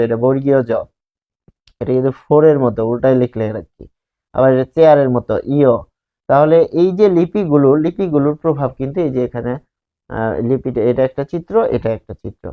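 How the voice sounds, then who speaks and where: A man from Bangladesh, teaching a grammar lesson, explaining slides and asking and answering his own questions. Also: medium pitch. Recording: slightly dull lo-fi recording.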